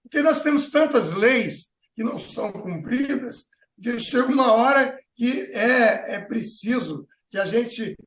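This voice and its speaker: A man's voice: high voice, a bit bright, roomy sound. A Brazilian man hosting a political talk show, giving his opinions while thinking aloud with many fillers and restarts.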